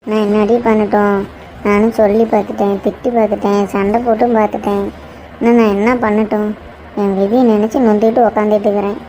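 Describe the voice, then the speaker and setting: A woman's voice: mid-range voice, quick pace, a little hiss or hum, close to an everyday voice, poor audio. A woman voicing a distressed, tearful village wife in a cartoon drama, speaking in a with a pleading, reproachful tone. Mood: weary. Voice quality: pleading, reproachful, flat despairing tone.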